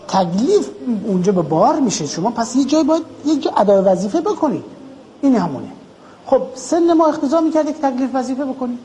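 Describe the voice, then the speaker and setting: Earnest man, lively mellow voice. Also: very high voice, slight background noise, rough recording. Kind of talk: casual reflective talk.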